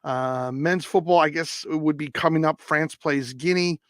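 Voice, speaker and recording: A man hosting a live-stream sports results roundup, reading scores haltingly and stumbling over foreign names. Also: on the high side, no room sound, studio quality.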